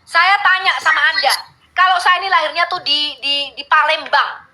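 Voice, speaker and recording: A woman's voice: high voice, normal speed, sharp tone. A woman arguing in a heated religious debate, insistent and lecturing, repeating her questions to press her point. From Indonesia. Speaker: debate guest.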